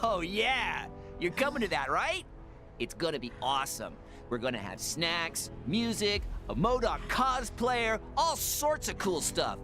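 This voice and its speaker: High, very animated young superhero. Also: male voice, unhurried, full character voice. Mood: upbeat. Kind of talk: video game character dialogue. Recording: music behind the voice.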